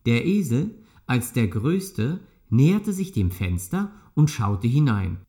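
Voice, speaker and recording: A man reading a fairy tale aloud in a slow, expressive storytelling manner. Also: medium pitch.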